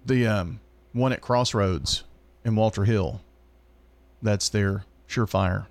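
A man's voice: on the low side, takes it slowly, dry recording. A middle-aged man, hosting a morning radio show in easygoing, rambling banter from a studio microphone. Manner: easygoing, rambling with many ums.

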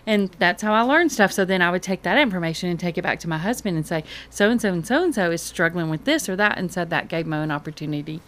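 A woman talking casually as an interview guest, telling things in an animated, conversational way. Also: lowish voice, fast, hardly any pauses. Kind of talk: casual chat. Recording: clear background noise.

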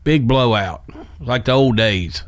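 A man's voice: mid-range voice, animated, a little slow, no room sound. An American man hosting sports radio, talking casually and off the cuff in short, clipped remarks. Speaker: sports talk show host.

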